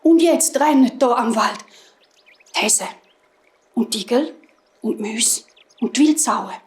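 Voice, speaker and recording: Swiss German woman telling a fairy tale. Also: fairly high pitch. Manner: gentle, unhurried storytelling. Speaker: storyteller. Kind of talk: fairy tale told to children. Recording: roomy echo.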